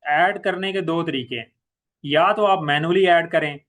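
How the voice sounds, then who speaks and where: A man with a Pakistani accent, whose first language is Urdu, gives an informal step-by-step software tutorial as a trainer. He repeats key points and mixes in English terms, speaking at a fairly high pitch and measured pace.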